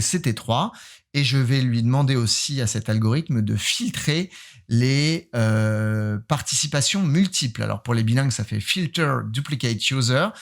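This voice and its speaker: A man, a photographer from France, hosting a casual vlog with playful self-mocking jokes and frequent hesitant fillers. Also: medium pitch. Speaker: photographer running a giveaway.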